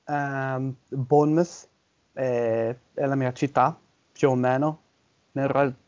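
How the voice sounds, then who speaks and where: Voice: medium pitch, steady tone, takes it slowly, darkish tone, lo-fi sound. A native English speaker from southern England with an English accent, chatting casually and searching for words in a second language. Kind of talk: casual chat about languages.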